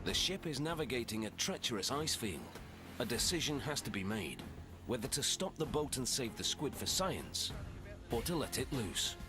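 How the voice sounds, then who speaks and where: A man's voice: medium pitch, big pitch swings, moderate pace. A man reading scripted nature documentary narration in a dramatic, suspenseful way. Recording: music bed behind the voice. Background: loud background music.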